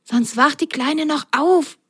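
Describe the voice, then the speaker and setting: A woman voicing Ron, a cautious and calm little boy sock in a children's storybook, speaking in a hushed, reassuring way. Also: high-pitched, slow, voice pushed up. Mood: urgent.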